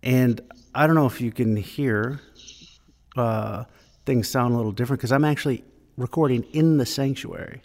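A man co-hosting a podcast chats casually, hesitating often with lots of fillers, his voice medium-pitched, darkish and moderately paced. He's recording alone in an empty church sanctuary, so the sound carries an echoey, cathedral-like reverb.

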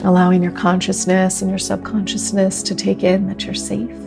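A woman leading a guided meditation like a sleep story narrator, speaking gently and slowly with long pauses. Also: medium pitch, monotone, gravelly. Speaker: meditation teacher leading a group practice. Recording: new-age music under the voice. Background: soft new-age music.

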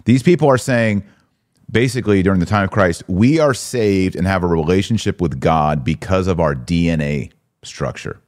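A podcast host delivers religious discussion and preaching commentary, his low-sitting male voice moving at normal speed with a darkish tone. He speaks emphatically, exhorting listeners and posing rhetorical questions.

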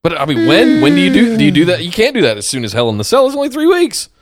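A man's voice: high voice, wildly swooping pitch, fast, dry recording. A man co-hosting a podcast, jumping eagerly into a casual talk about wrestling. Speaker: podcast co-host.

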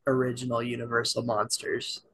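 A man's voice: mid-range voice, completely flat delivery, brisk, a bit bright, breathy edge, no room sound, poor audio. A man from Utah co-hosting a podcast, chatting casually and mostly answering with short, easy agreement. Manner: short replies, easygoing agreement. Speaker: podcast co-host. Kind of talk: casual chat.

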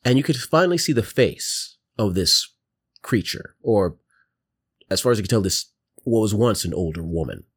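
A man's voice: on the low side, animated, normal speed, breathy edge. A man narrating descriptively as game master of a tabletop game.

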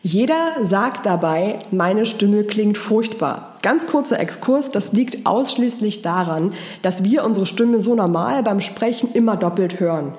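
A woman's voice: mid-range voice, lively intonation, normal speed, a little mellow, reverberant. A woman voice and charisma trainer, coaching live and answering viewer comments in an encouraging, patient way. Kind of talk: live-stream coaching talk.

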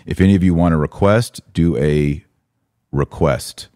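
A little slow and mellow, this low-pitched American man hosts a live-stream as a podcaster and religious commentator. He talks in a conversational, opinionated way, taking comments and asking rhetorical questions.

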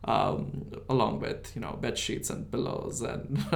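A man's voice: mid-range voice, slow, creaky. A man from India, telling stories in an interview with a self-deprecating, laughing manner. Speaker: guest. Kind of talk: interview storytelling.

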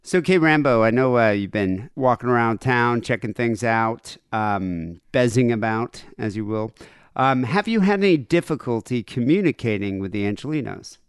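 Animated American man hosting casual banter. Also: medium pitch, normal speed, clear, resonant tone, dry recording, studio quality. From United States. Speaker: podcast host.

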